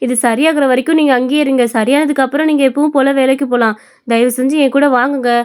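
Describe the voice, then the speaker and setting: A woman voicing a kind, caring young village woman in a cartoon story, who talks earnestly and gently. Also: sits high, fairly even intonation, fast, close to an everyday voice.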